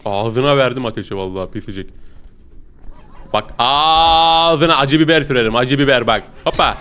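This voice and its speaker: A man's voice: mid-range voice, moderate pace, clean tone. A man giving casual let's-play commentary, chatting to viewers and yelping when startled. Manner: excitable, yelps and squeals when startled; chatty, keeps talking to viewers as "pisicik". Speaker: gaming video host.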